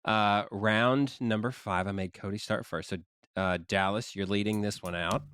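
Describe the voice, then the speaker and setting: A man's voice: fairly low pitch, fairly even intonation, moderate pace, a bit bright, smooth, no room sound, clean studio sound. A man co-hosting a podcast, playfully running a game between friends, often breaking into laughter. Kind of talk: casual podcast banter.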